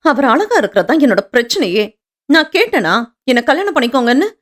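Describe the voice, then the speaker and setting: A woman's voice: fairly high pitch, animated, normal speed, natural voice. Woman voicing a hurt, insecure young wife. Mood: hurt angry. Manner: hurt, defensive outbursts.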